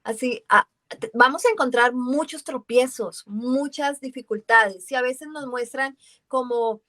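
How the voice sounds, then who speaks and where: A voice actress from Valle del Cauca in Colombia with a Colombian accent, chatting in an interview and telling her story in a lively way, acting out the voices she quotes. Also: high-pitched, measured pace, no room sound. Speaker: voice actress guest. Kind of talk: casual interview chat.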